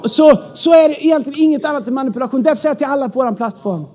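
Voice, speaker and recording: Swedish man, pastor delivering a sermon from the church stage, very high voice, lively, breaks into shouts, joking asides, stray English words. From Sweden. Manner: drops English words into speech. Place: church stage before a congregation.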